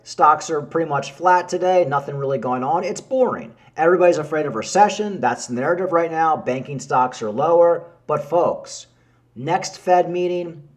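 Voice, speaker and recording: A man doing casual market commentary to camera, animated and repetitive, calling his viewers folks. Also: a little high. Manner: animated, repeats himself, addresses viewers as folks. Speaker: crypto YouTuber.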